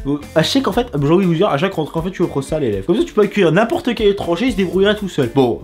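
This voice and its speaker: A man from France with a French accent, hosting a reaction video in crude, excitable, joking commentary. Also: fairly high pitch. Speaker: YouTube host.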